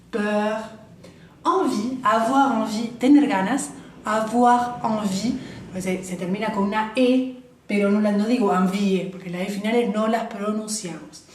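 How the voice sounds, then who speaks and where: A woman teaching French grammar, slowing down to model each French word and often checking that her viewers follow. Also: mid-range voice, slight background noise. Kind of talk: explaining grammar to the camera. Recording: echoey room.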